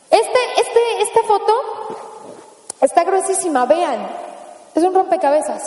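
High-voiced Mexican woman, echoey hall. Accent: Mexican Spanish. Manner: expressive, rhetorical questions, playful asides. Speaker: motivational speaker. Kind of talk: motivational talk to an audience. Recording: echoey hall, long reverb.

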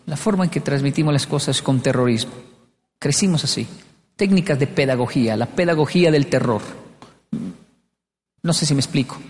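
A man's voice: medium pitch, fairly quick, long pauses, darkish tone, in a large hall, a little hiss or hum. A man giving a humorous motivational stage talk, telling stories and acting out scenes. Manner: storytelling, acts out scenes. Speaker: motivational speaker.

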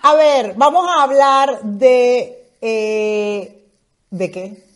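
Chatty Venezuelan woman hosting her podcast. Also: a little high. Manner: animated, swearing, rapid asides and playful mock voices. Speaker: podcast host. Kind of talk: casual comedic monologue. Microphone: headphones with mic.

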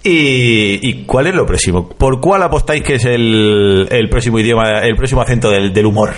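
A man's voice: lowish voice, moderate pace. A man hosting a casual comedy chat, playful and leading the topics with jokes. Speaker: podcast host.

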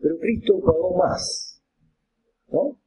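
A man with an Argentine accent preaching a sermon, acting out examples and breaking into shouts. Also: sits high, slow. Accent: Argentine Spanish. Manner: animated, acts out examples with props, bursts into shouts. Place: church hall. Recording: roomy hall echo, faint ambient noise.

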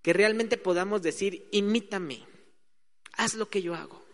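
A man's voice: high voice, measured pace. A man preaching a sermon in a conversational way, acting out quoted voices. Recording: hall reverb.

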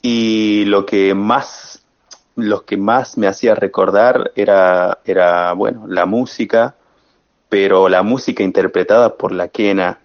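Interview guest: man, low voice, very slow and halting, muffled lo-fi sound. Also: fairly even intonation. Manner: slow, hesitant, many fillers. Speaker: guest musician. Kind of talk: interview answers. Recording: muffled lo-fi audio.

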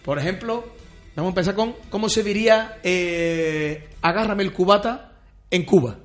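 High-voiced teasing radio host. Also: male voice, soft background music. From Spain. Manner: teasing, jokey, quick to laugh. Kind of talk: playful radio chat, quiz game. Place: radio studio.

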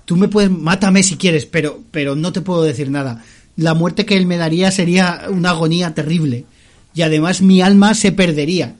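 A man plays a frightened captive in a tabletop game, begging desperately for mercy. His voice sits fairly high and strains with fear. The pleading never lets up. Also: brisk, close to an everyday voice.

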